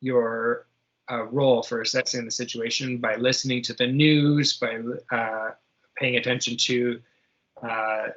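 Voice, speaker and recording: A man running a tabletop superhero game as game master improvises the narration and explains the rules haltingly, hunting for words. His medium-pitched voice is flat and a bit bright, with the highs cut off.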